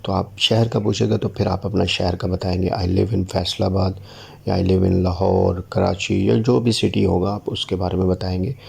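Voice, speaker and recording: Deep, gravelly teacher. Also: male voice, level tone, darkish tone. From Pakistan. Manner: slow, deliberate model sentences with frequent "theek hai" check-ins. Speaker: English teacher. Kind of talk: language lesson in Urdu.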